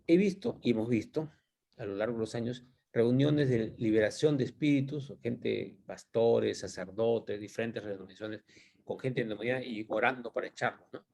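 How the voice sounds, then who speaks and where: A man's voice: mid-range voice, normal speed, gravelly, dark tone, slight background noise. A man giving an informal Bible teaching, thinking aloud and asking rhetorical questions as he explains the passage.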